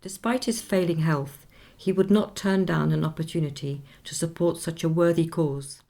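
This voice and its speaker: In a scripted radio play narration, Miss Lind, a composed woman, recounts a composer friend's last tour. Her very low, dark voice creaks noticeably at the edges and stays steady, delivering measured, articulate, reflective sentences like someone carefully telling a history she knows well.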